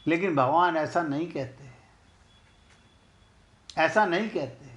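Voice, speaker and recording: A middle-aged man teaching scripture in an earnest, direct way, speaking to his listeners and sometimes chanting verses slowly. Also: a little high, a bit bright. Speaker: spiritual teacher. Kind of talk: explaining scripture.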